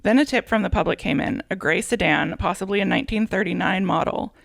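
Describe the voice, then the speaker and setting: A woman hosting a chatty true-crime podcast, with a gravelly, fry-laden voice. The sound is dry and close. She laughs easily as she reads out old newspaper quotes. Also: medium pitch, fast, no echo. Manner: laughs often while reading out old quotes. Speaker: podcast host telling a true-crime case. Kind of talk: casual storytelling chat.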